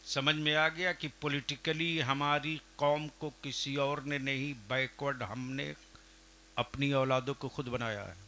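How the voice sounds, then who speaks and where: A man preaching a fiery sermon at a public gathering, asking the crowd questions and swinging up to shouting. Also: mid-range voice, fairly even intonation, measured pace, slight background noise. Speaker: Islamic preacher. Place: outdoor religious gathering.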